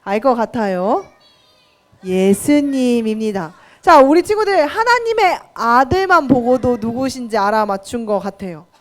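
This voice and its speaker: A woman's voice: on the high side, animated, a little slow. A young woman preacher giving a children's sermon in a church, talking to the kids with questions and quizzes. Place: church children's worship room.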